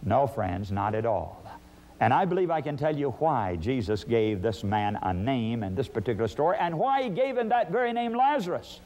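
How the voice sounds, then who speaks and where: A man's voice: mid-range voice, lively intonation, normal speed, darkish tone. A man preaching a sermon, emphatic, asking and answering his own questions.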